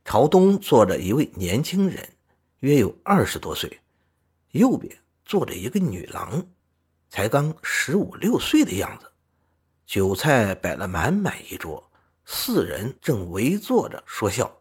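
Slow, husky male storyteller. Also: medium pitch. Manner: measured, expressive classical-tale reading. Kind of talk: storybook narration.

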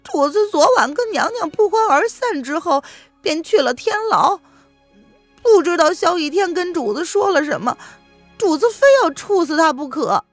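A woman's voice: extremely high pitch, lively intonation, normal speed, no room sound, faint music behind, voice pushed up. Woman voicing a pleading male palace servant. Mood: urgent pleading. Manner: pleading, earnest.

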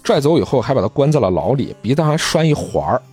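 A man's voice: medium pitch, very animated, fast talker, darkish tone, slightly rough. A man hosting a podcast, casually retelling a manga story and briefly voicing the characters, with faint music behind.

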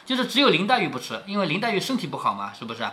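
A middle-aged man reading a classic novel aloud to his daughter, pausing often to explain. His voice is bright and clear and his pitch rises and falls a lot, with chatty tag questions like "right?" scattered through. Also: sing-song. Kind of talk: storytelling with explanations.

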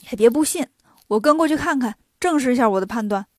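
A woman voicing a clever, mischievous male monkey king who talks briskly and teasingly, for a children's story. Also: on the high side, expressive, a little mellow, no room sound, clean studio sound. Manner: brisk, teasing, quick-witted.

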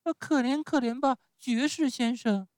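A little wooden puppet boy with a thin, squeaky high voice, put on by a man reading a storybook. He talks earnestly and pleadingly, pitched far above the reader's own voice. The recording is dry and close. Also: moderate pace, darkish tone, no room sound.

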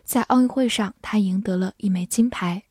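A woman teaching English vocabulary in Chinese, spelling each word out letter by letter and reading example sentences slowly. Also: mid-range voice, darkish tone, slightly rough, no echo, studio quality. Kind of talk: vocabulary lesson.

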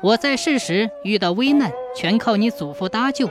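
A woman's voice: on the high side, lively intonation, normal speed, music in the background, close to an everyday voice. Woman voicing a pleading young ghost woman. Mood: solemn. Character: pitiful young ghost woman, gentle and grateful.

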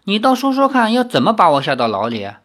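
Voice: medium pitch, normal speed. A narrator doing a teasing young chief's daughter. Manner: calm, mocking, confident. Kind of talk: audiobook character voice.

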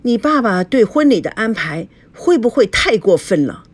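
A proud, quick-tempered young fiancé argues in an indignant voice that leaps up and down, as a woman reads him aloud. He stays heated and resentful in this spoken story. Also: fairly high pitch, sing-song, breathy edge. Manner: indignant, angry.

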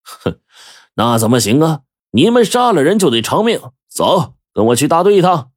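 A man's voice: fairly high pitch, sing-song, brisk, no room sound, clean studio sound, voice pushed up. A man voicing a scheming, ruthless male village militia captain who talks in a drawling, officious and menacing way. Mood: stern.

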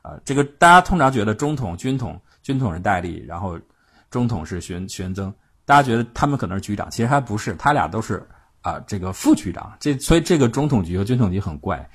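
Low husky male history storyteller. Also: sing-song, fast talker. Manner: chatty, colloquial, frequent "ah" fillers. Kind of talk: casual spoken history storytelling.

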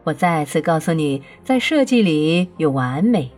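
A woman gives voice to a patient, all-knowing divine speaker who explains calmly and presses each point home, in a lowish register. Faint music runs beneath the audiobook reading. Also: a little slow, heavily acted. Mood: serene.

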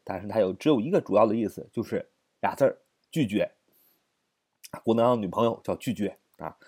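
Lively, expressive male vocabulary teacher. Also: mid-range voice, slightly rough, no echo, clean studio sound. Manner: repeats words and spells them out slowly letter by letter; frequent drawn-out "ah" fillers between phrases. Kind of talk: audio vocabulary lesson.

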